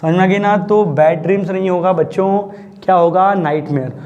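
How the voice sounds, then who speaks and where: A man with a high, darkish-toned voice speaks briskly while teaching English grammar in a chatty classroom style. He keeps explaining and repeatedly asks the students whether they've understood. The sound is lo-fi.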